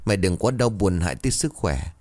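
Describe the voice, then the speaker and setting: A man voicing a young widowed woman who speaks gently and soothingly to her mother-in-law. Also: low voice, lively intonation, brisk, dry recording. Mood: gentle.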